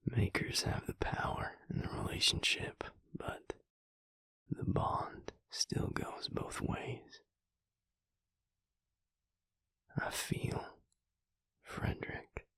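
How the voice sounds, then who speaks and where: Hushed and reflective, a man voices a protective vampire mate, weary but tender, for an intimate audio roleplay. His voice is breathy and gravelly, his delivery deliberate and reassuring, and no room sound is present.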